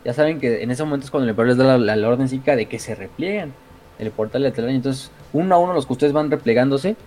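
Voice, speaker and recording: A man with a Mexican Spanish accent races through a casual retelling of game lore as a streamer. His medium-pitched delivery is excitable and profane, packed with fillers and slang.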